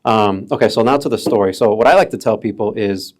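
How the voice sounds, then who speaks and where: A man in his early thirties from the Chicago area, telling stories as a podcast guest in a relaxed, casual way, peppered with bro and dude. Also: on the low side, fast talker, a little hiss or hum. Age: 30s. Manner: laid-back, calls friends bro and dude. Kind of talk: casual storytelling chat.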